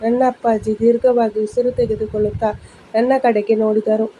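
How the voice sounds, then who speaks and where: A woman reads a first-person story in an even, measured way. Her voice is fairly high but flat and mellow. It sounds dull and lo-fi, with a faint hiss underneath.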